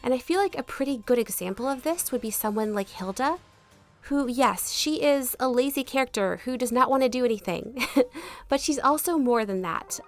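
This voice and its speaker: Her voice sits high, with lively intonation and a moderate pace, as she casually fields viewer questions over gameplay in a gaming video. Still getting her voice back after being sick, she stays polite and easygoing, chatting freely and laughing often, with music playing behind her.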